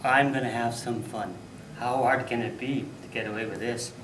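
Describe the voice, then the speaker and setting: A man's voice: mid-range voice, moderate pace, background noise. Man telling a funny story in a hall. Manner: animated, loud bursts for sound effects. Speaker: contest speaker. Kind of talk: humorous storytelling speech. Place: hall at speech contest. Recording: echoey hall, mic from far off.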